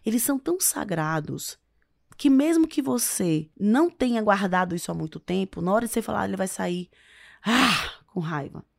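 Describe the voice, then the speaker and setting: Expressive woman with a gravelly voice. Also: medium pitch, brisk, no room sound, clean studio sound. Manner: expressive, stressing words as she explains. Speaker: author and guest. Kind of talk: interview answers giving advice.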